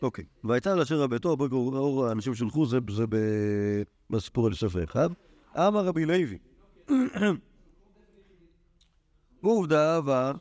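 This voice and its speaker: A man's voice: medium pitch, a little mellow, no room sound. A man, a rabbi teaching a Talmud class to students, reading the text aloud and then explaining it in everyday speech with many restarts.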